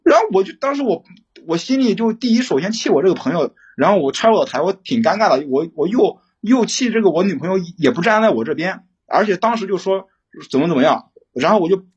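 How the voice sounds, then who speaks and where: Halting young man, husky muffled voice. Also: sits high, animated. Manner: rambling, halting, many restarts. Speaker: caller seeking relationship advice. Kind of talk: casual phone-in storytelling.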